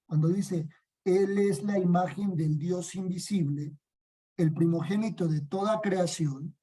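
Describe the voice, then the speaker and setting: A man's voice: high-pitched, dark tone, breathy edge, low-quality recording. A man with a Mexican accent teaching a Bible lesson, often asking a question and then answering it himself. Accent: Mexican Spanish. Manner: asks and answers his own questions. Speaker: discipleship teacher.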